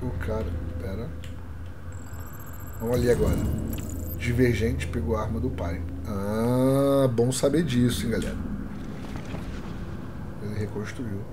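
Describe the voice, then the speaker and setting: A man's voice: mid-range voice, fairly even intonation, measured pace, pauses often, background noise. A man with a Brazilian accent doing casual let's play commentary, thinking aloud and reading out on-screen prompts. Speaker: gaming video host. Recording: loud game audio and music behind.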